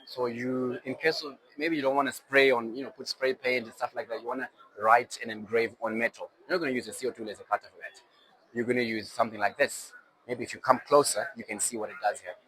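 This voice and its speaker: A man's voice: mid-range voice, fairly even intonation, quick pace, a crowd in the background, low-quality recording. Casual man touring a machinery show. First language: not Chinese. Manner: repeats short acknowledgements. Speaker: host touring a trade show. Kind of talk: casual on-site chat and product explanation. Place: indoor machinery exhibition hall.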